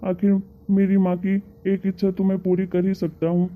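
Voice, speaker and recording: A woman's voice: medium pitch, completely flat delivery, moderate pace, close to an everyday voice. A woman voicing a meek young husband in a cartoon story who coaxes his wife. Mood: coaxing. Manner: coaxing, meek. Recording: tinny phone-like sound.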